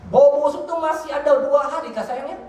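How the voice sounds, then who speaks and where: A man giving a lively, joking sermon testimony as guest preacher in a large church hall. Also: very high-pitched, fairly quick. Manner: animated, joking, slangy. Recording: very echoey hall, voice from far off.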